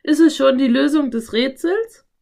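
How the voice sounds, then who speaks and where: A woman's voice: mid-range voice, animated, moderate pace, lightly acted. A woman voicing a cautious, bookish young boy in a storybook reading. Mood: earnest. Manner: earnest, worried exclamations.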